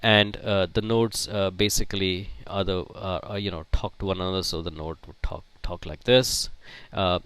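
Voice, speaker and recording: Male tech instructor, slightly low and resonant, halting delivery full of fillers. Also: steady tone, fairly bright tone, clear, resonant tone. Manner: halting, many fillers and restarts. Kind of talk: technical lecture.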